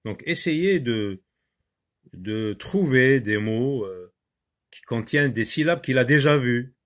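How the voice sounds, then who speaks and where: A male teacher giving a classroom reading lesson, sounding out syllables slowly and repeating words with emphasis. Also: mid-range voice, lively intonation, a bit bright.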